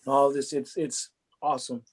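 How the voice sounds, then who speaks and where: A middle-aged man from Hawaii, a football coach, talks through his answers in an interview. His voice sits at an ordinary pitch, and his manner is earnest and reflective, repeating words as he gathers his thoughts. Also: little pitch movement, normal speed, breathy edge. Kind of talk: interview answers, casual chat.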